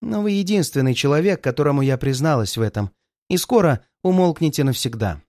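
A murderous young actress who taunts her captive and bursts into furious shouting, as a male reader puts her on. The voice sits high and swings widely, and the recording is dry and close. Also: animated, a little fast, no room sound. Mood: gloating. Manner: threatening, mocking, shouting in fury. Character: cold murderous young woman, stage performer.

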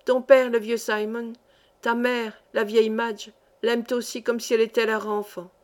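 A cheerful, bantering young miner, joking with his friend, read by a woman in an audiobook. The voice sits fairly high and stays close to the reader's own. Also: little pitch movement, moderate pace, natural voice. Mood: earnest. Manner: bantering, laughing. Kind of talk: audiobook dialogue reading.

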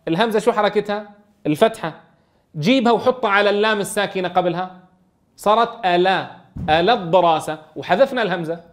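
A man teaching Quran recitation, reading a classical text slowly and explaining it with questions to his students. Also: sits high. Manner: reads quoted verses slowly, then explains in dialect with rhetorical questions.

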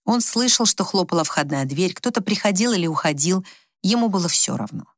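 A woman narrating an audiobook story in a measured, expressive reading. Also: lowish voice, dry recording, clean studio sound.

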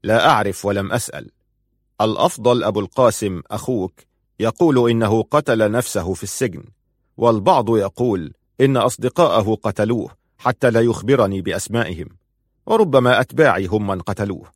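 Man doing a tired bitter old ruler, low and firm, grieving dad in a storybook. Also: fairly quick, dry recording, studio quality, natural voice. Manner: weary, stern and bitter.

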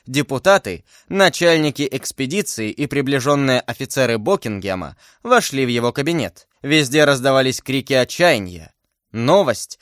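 A man narrating a classic novel as an audiobook, in a measured, even storytelling manner. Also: medium pitch, no echo, clean studio sound.

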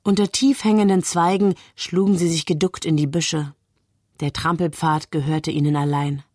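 Calm, low-voiced woman reading a story. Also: normal speed, dry recording, clean studio sound. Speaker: narrator. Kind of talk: literary reading.

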